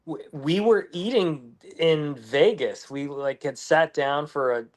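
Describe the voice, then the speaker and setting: Reflective, halting male musician guest. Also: fairly high pitch. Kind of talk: casual interview chat.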